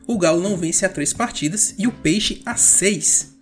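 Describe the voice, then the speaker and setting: A woman's voice: fairly low pitch, normal speed. A Brazilian woman hosting a football show, narrating a scripted round-up of results. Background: music bed.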